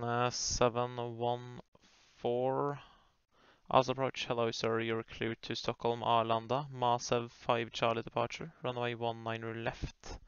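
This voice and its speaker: A man's voice: mid-range voice, fairly bright tone, smooth, no echo. A man working as an air traffic controller, giving clipped, polite procedural calls over the radio. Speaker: air traffic controller on a flight simulation network. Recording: muffled lo-fi radio audio.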